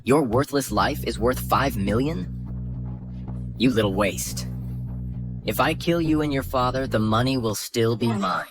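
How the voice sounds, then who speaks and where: Man voicing calm defiant young hero, steady measured voice, mid pitch, faint music behind. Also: lightly acted. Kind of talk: dubbed short drama.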